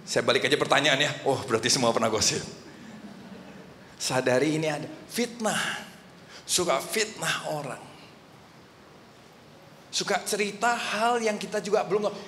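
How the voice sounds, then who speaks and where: High-voiced preacher in an echoey church hall. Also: male voice, a little hiss or hum. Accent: Indonesian. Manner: animated preaching, asks the congregation questions. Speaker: pastor. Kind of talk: sermon. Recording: echoey hall reverb, faint ambience.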